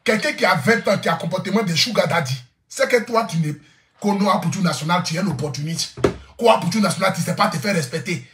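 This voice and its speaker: A man's voice: high voice, animated, quick pace, noisy background. Boisterous man in an echoey room. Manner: boisterous, laughs often, repeats his phrases. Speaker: social media influencer. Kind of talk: casual comic vlog monologue.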